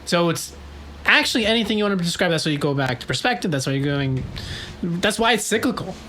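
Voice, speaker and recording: A man co-hosting a casual philosophy podcast, asking questions in an excited, rambling way. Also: high voice, fast talker, a little hiss or hum. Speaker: podcast co-host.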